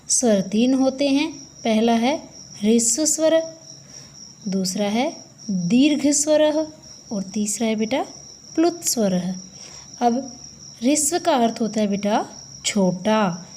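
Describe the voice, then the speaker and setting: A woman teaching a Sanskrit lesson to students, explaining slowly and patiently and often calling them "beta". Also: a little high, warm tone, a little hiss or hum. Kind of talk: classroom-style lesson.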